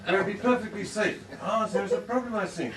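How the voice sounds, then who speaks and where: A man's voice: sits high, quick pace, fairly bright tone. A man playing a fussy, hammy French parcel courier with broken English and a French accent on a pantomime stage. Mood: fussy, apologetic. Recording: echoey, distant, noisy stage with audience.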